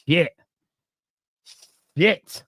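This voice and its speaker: A man's voice: extremely slow, a bit bright, dry recording. A man in his late thirties hosting a live football fan podcast, chatty and joking. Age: 30s. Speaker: podcast host.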